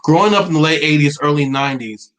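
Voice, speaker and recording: A man in his forties hosts a live-streamed talk in a voice that is a little high and a bit bright. He speaks earnestly but haltingly, often stopping to restart or to read viewer comments aloud.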